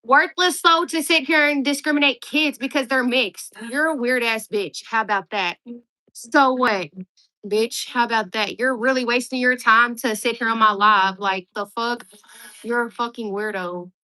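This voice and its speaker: A woman's voice: fairly high pitch, moderate pace, pushed and bright, low-quality recording. A young woman at home on a livestream, cursing and confronting commenters, sometimes calling out to her kids. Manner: profane, confrontational toward commenters; calls out to kids around the house. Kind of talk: ranting livestream chat.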